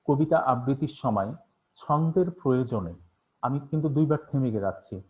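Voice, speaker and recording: The speaker is a man teaching an online class, his medium-pitched voice animated, a little mellow, and moderately paced. He raises questions and answers them himself amid many fillers, heard through tinny, phone-like audio.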